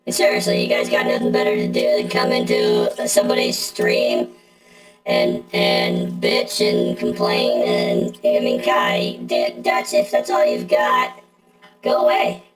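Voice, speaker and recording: A middle-aged streamer speaks through a robot voice effect that sits extremely low and swoops all over the place. The talk is casual and blunt, answering chat head-on. The voice rings in an echoey room with game music clearly audible underneath. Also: big pitch swings, measured pace. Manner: blunt, talks back to chat. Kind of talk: casual live-stream chatter.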